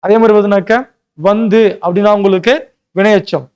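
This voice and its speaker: A man's voice: high-pitched, steady tone, moderate pace, a little mellow, clean tone. A male teacher giving a Tamil grammar lesson for an exam, explaining step by step, mixing in English words and often checking in with "right?". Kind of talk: classroom lecture.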